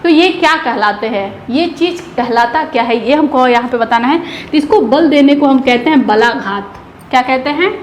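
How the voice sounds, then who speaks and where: A high-voiced woman prepares students for an exam with a grammar lesson, answering her own frequent questions and repeating each important term. The space is strongly reverberant, and a low, faint noise runs through the recording.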